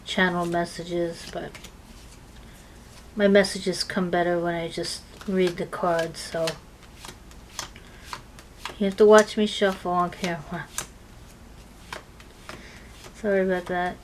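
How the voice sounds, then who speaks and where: A woman's voice: lowish voice, level tone, slow pace, pauses often, rough recording. A woman giving a tarot reading, chatting casually with many fillers while she shuffles cards. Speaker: tarot reader. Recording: clear noise of card shuffling.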